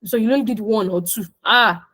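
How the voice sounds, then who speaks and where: A woman's voice: medium pitch, a little fast, a little mellow, poor audio. A woman giving an informal talk to entrepreneurs, emphatic and repetitive, often laughing at her own points. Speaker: speaker on business funding.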